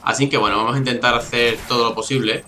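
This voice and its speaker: A man's voice: mid-range voice, fairly even intonation, fast talker, slight background noise. A young man from Spain with a Spain Spanish accent, commenting on his own shooter gameplay in a chatty, exasperated way, swearing often and keeping his voice down. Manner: keeps voice down, not shouting. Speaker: gaming YouTuber. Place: home room, early morning.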